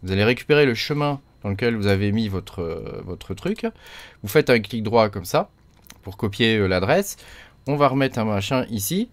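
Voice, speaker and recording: Chatty low-voiced man explaining software. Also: lively intonation, moderate pace, no room sound. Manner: chatty, many fillers and tag "hein". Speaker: crypto mining tutorial host. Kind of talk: casual screen-recorded tutorial.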